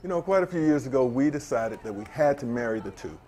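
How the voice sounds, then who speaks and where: A middle-aged man, a former player, chatting as a guest on a TV sports show, explaining his views in a measured way with examples. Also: mid-range voice, expressive, dark tone. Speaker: guest, former basketball player and camp director. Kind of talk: casual studio chat. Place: TV sports studio set.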